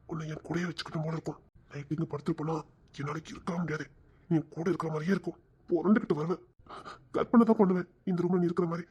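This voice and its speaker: A woman playing a husky, low-voiced young lover. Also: lo-fi sound. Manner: coaxing, soft reassurances. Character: young man, eager lover, coaxing and reassuring.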